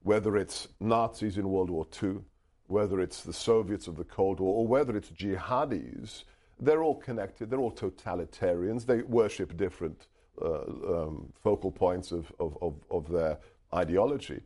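This author, a guest on the show, is a middle-aged Hungarian speaker raised in the United Kingdom, with a low, dark voice at normal speed. Earnest and emphatic, he frequently starts his sentences over while telling a story in response to interview questions.

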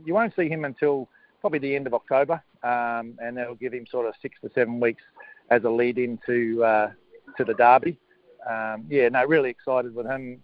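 A man giving a casual radio interview as a horse trainer, hesitant, matey and low-key. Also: no echo. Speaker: harness racing horse trainer, interview guest. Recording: narrow, lo-fi phone-like line.

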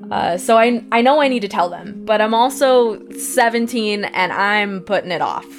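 A young American woman tells a story from her own life at a mid-pitched, natural level. She acts out what people said with lively, animated energy. Faint music plays quietly behind her voice. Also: moderate pace. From United States. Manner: lively, animated retelling with acted-out quotes. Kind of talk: personal storytelling.

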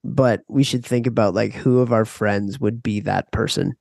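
A man's voice: lowish voice, fairly even intonation, normal speed, vocal fry, darkish tone, dry recording, clean studio sound. Easygoing, encouraging man, podcast co-host. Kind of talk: casual chat.

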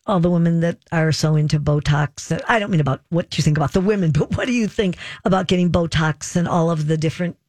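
A woman's voice: lowish voice, quick pace, few pauses, a little mellow, no echo. Chatty, curious woman radio host. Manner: curious, chatty, asks questions. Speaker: radio talk show host. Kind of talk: casual radio chat.

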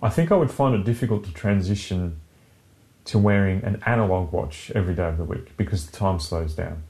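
A man's voice: sits low, a little fast, darkish tone. A man co-hosting a podcast, chatting casually and sardonically and swearing freely. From Britain. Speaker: podcast co-host. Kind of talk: casual chat.

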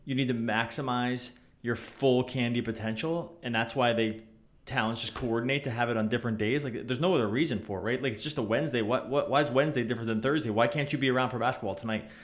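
A man's voice: mid-range voice, fast talker. A man hosting a casual sports podcast, talking in a rambling, repetitive way, recorded with a big roomy echo. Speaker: podcast host. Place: echoey room. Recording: echoey, roomy makeshift podcast setup.

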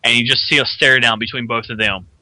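A man's voice: medium pitch, steady tone, bright, forceful tone, no echo. A man co-hosting a radio talk show, chatting casually and sharing opinionated predictions. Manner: opinionated, speculative, acts out quick character voices. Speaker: podcast co-host. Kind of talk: casual chat.

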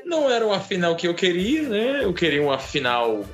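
A man's voice: high-pitched, wildly swooping pitch, a little fast, a bit bright. A Brazilian man chatting casually about sports as a podcast panelist. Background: music.

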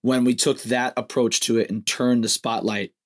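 Reflective man with halting speech. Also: medium pitch, steady tone. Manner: reflective, halting, many restarts. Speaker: guest songwriter. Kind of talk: casual podcast chat.

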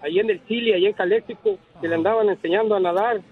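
A man's voice: sits high, fairly even intonation, quick pace, slightly rough, narrow, tinny audio. A man calling into a radio show to tell a joke in chatty slang. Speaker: caller. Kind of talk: telling a joke on air.

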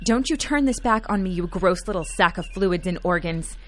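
A woman's voice: lowish voice, lively intonation, moderate pace, slight background noise, close to an everyday voice. A woman playing a sarcastic, scolding space station computer in an audio comedy drama, blunt and exasperated.

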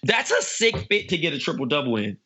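A man's voice: fairly high pitch, huge pitch swings, quick pace, bright, forceful tone, husky. A male podcast host in casual banter, telling things in a slangy, amused way.

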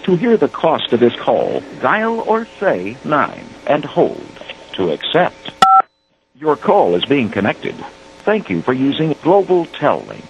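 A man's voice in a recorded announcement played over a payphone line, delivered in an even, formal announcer manner. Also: medium pitch, slow pace. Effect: recorded message over a payphone line. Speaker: automated prison call announcement. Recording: muffled phone line, faint hiss.

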